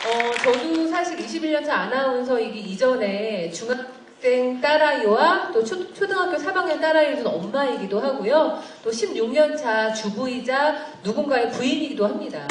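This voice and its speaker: A woman's voice: high voice, lively intonation, normal speed, some chatter behind. A woman in her forties, a broadcast announcer emceeing a talk concert in a large hall, speaking in a chatty way with light laughter. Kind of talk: polished emcee speech. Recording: echoey hall, distant mic, audience around.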